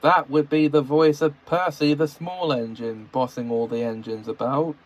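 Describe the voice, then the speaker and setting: A man reading his own storybook-style fan fiction aloud, with steady storytelling narration. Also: on the high side, moderate pace.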